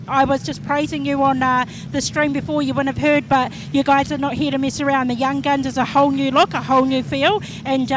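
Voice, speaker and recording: Chatty Kiwi woman reporting over track noise. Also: high voice. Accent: New Zealand. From New Zealand. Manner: chatty, encouraging. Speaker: pit reporter, interviewer. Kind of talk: live trackside interviewing. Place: outdoors in rain at a speedway. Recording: noisy outdoor speedway with vehicles.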